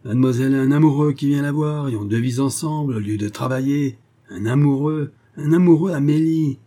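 A man voicing a furious, miserly old male farmer who shouts and stammers with rage. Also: lowish voice, flat delivery, a little fast, close to an everyday voice. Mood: ranting.

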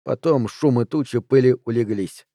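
This is a male audiobook narrator reading scripted material in a mellow, mid-range voice at a moderate pace. The studio recording is clean with no room sound.

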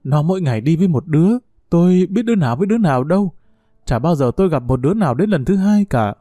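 A man's voice: a little high, lively intonation, fast, warm tone, dry recording, clean studio sound. A man voicing a distraught pleading mother in her forties. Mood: shaky. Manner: sobbing, pleading.

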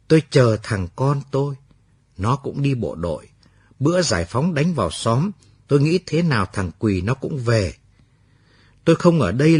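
A calm, stubborn elderly village mother, read by a man in a late-night radio story. She speaks steadily and plainly, her husky voice rising and falling in a lively way. The sound is dry and close. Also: medium pitch, no room sound.

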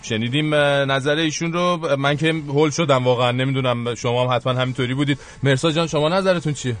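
A man hosting a comic contest sketch on radio, hesitant, with many fillers. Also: medium pitch. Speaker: host of a comedy contest sketch.

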